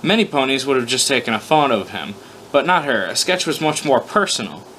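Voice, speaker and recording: This low-quality recording, with a little hiss or hum, features a man informally reading his own fan fiction with profane, casual commentary. His mid-range voice is sing-song and a bit bright, fairly quick, and he mocks himself, swears, and stumbles over lines.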